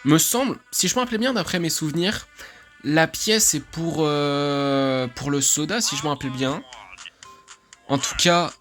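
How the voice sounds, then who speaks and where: A man from France giving excitable, chatty let's-play commentary, laughing often and swearing casually. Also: fairly high pitch, a little slow, faint music behind. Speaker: gaming YouTuber.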